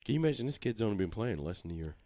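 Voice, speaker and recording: A man's voice: on the low side, big pitch swings, very fast, a crowd in the background. A man giving casual, chatty darts commentary as one of a panel. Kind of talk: casual sports commentary chat.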